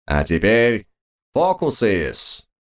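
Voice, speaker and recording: A man's voice: lowish voice, huge pitch swings, drawn-out words, pitched above the performer's own voice, heavily acted. A man voicing a pompous, skinny stage magician with grandiose, old-fashioned flourishes in an audiobook. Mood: showy. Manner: pompous, archaic polite flourishes. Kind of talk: audiobook character voice.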